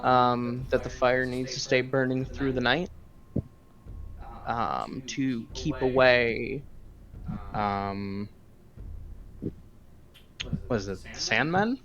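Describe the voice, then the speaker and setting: A man narrating as game master of a tabletop game over a voice call, hesitant with many filler pauses. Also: medium pitch, fairly bright tone.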